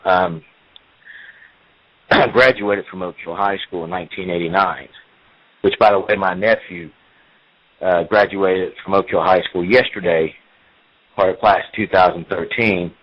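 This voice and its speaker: This American wrestler in his forties has a low-pitched, steady voice that runs a little slow, and he pauses often. Heard in lo-fi sound, he tells his story at length in an interview and repeats himself along the way.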